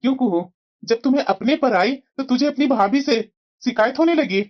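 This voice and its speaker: A woman's voice: high-pitched, moderate pace, lightly acted. A woman doing a lecturing young husband. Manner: lecturing, firm. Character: young husband, reasonable and scolding. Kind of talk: cartoon voice acting. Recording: dull lo-fi recording.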